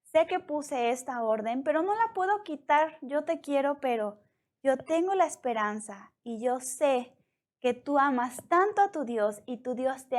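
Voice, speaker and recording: Regretful storybook king, pleading tone, high voice, mexican accent, as a woman tells it. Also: darkish tone. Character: sorrowful worried ancient male king.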